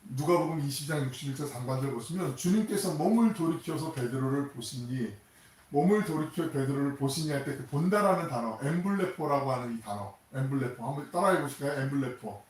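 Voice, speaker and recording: A male pastor preaching a sermon in a conversational, animated way, often putting questions to the congregation. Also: a little high, quick pace. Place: church sanctuary. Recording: echoey church sound from a distant mic.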